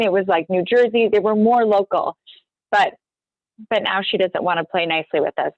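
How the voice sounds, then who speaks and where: A woman co-hosting an online real estate training, chatting casually as she walks through a screen-share tutorial with quick apologetic asides. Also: mid-range voice, no echo. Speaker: real estate agent and co-host. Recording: dull, dry lo-fi video call.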